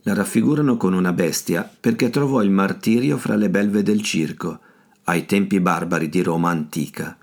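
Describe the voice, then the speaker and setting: A friendly village priest explains things calmly, voiced by a male reader. His low voice has a gentle, patient manner. It is an audiobook reading. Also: normal speed.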